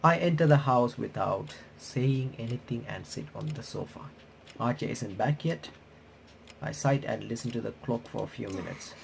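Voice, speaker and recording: Playing through a game, this male channel host reads out on-screen text with casual remarks, often tripping over words and fixing them. His mid-range voice is creaky at a moderate pace, with a little background noise.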